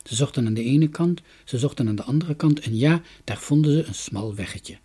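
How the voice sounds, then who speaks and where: Husky, expressive male storyteller. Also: medium pitch, brisk. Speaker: narrator. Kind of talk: storybook reading.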